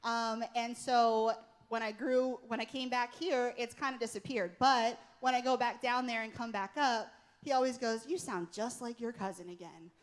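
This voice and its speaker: A woman's voice: on the high side, fairly even intonation, normal speed. A woman giving a conversational sermon from a church stage, telling personal stories and often checking in with "right?". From Pennsylvania. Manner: earnest storytelling, tag questions. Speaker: worship leader, guest speaker. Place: church stage before a congregation.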